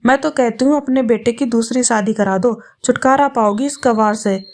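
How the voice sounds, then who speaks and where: A woman's voice: a little high, normal speed, darkish tone, lightly acted. A woman voicing spiteful neighbour women who gossip and complain.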